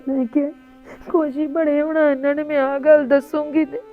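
An actress playing a tearful young daughter-in-law who hides her hurt, speaking quietly and hesitantly. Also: high-pitched, flat delivery, normal speed, phone-quality sound, faint music behind, close to an everyday voice. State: crying. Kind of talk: family drama acting.

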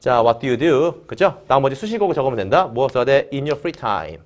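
A man teaching an English grammar lesson in Korean, opening nearly every phrase with "자" and drilling students with quick questions they answer back. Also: mid-range voice, very animated. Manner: drills students, has them repeat after him.

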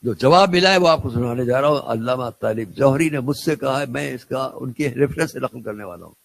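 A man's voice: mid-range voice, a little fast, gravelly. An older man from India, a Shia cleric and scholar, tells anecdotes in a religious lecture and repeats phrases for emphasis.

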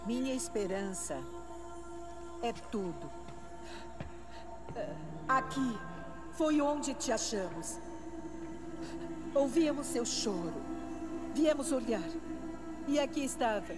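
Solemn, high-voiced elderly Brazilian matriarch. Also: female voice, lively intonation, slow pace, pauses often. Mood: reverent. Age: older. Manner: solemn, reverent. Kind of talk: dubbed video game drama. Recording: loud game music behind.

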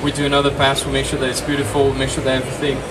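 A man's voice: medium pitch, monotone, racing. A man from France in his thirties, a game designer talking casually and upbeat to an audience, repeating words. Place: small dark convention room. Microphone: distant camera mic. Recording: distant mic, loud room noise.

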